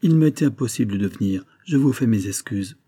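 A man's voice: fairly low pitch, lively intonation, fairly quick, mellow, husky, no echo, studio quality. A man voicing an earnest young man in love who answers his father stiffly and with indignation.

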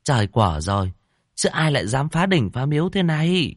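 A man voicing loud-mouthed village women gossiping and fretting. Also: on the high side, sing-song, normal speed, dry recording, clean studio sound, voice pushed up. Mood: fretful gossip. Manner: chattering, whining.

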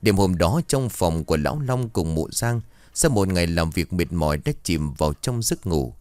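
Expressive low-voiced male storyteller. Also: moderate pace, dry recording. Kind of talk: horror story narration.

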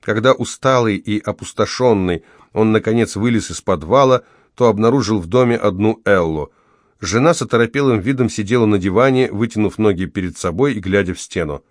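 A low-voiced man narrates an audiobook in a steady, measured way. The recording is dry and close, with no room sound. His pitch sits low for a man. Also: dry recording. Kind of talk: scripted narration.

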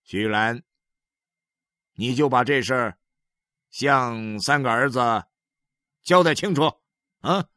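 A man's voice: mid-range voice, takes it slowly, long pauses, sharp tone, dry recording, studio quality, pitched above the performer's own voice. A man voicing a stern husband who lectures and gives orders, in an audiobook dialogue. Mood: commanding. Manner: commanding, lecturing. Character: stern husband presiding over a family denunciation.

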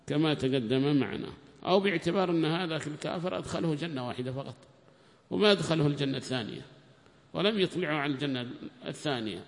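A man teaching a lecture on scripture commentary. He reads the text aloud loudly, explains it more quietly, and quizzes his students. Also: medium pitch. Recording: long reverberant hall.

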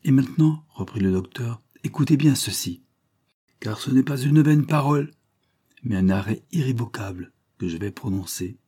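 A man reading the part of a cold, vengeful middle-aged doctor who speaks with calm, implacable menace. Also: mid-range voice, moderate pace, husky, voice pushed up. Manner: calm, implacable, solemn threats.

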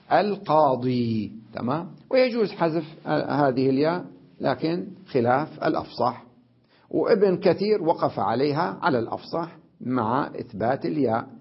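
A man teaching an Arabic grammar lesson on Quranic recitation, explaining patiently, often checking understanding and slowing down to demonstrate how words are recited. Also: fairly high pitch, husky. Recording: dull lo-fi lesson recording.

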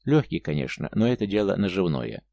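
A man voicing a gloomy, taciturn male warrior who speaks gravely and disapprovingly. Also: low-pitched, big pitch swings, fairly quick, dark tone, no echo, heavily acted.

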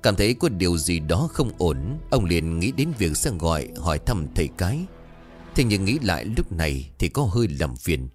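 A man narrating a horror story in an expressive, dramatic storytelling manner. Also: deep voice, moderate pace, faint music behind.

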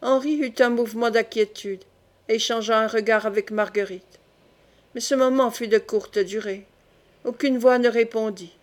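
A woman reading a historical novel aloud as an audiobook, in even, measured storytelling narration. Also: a little high. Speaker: audiobook reader.

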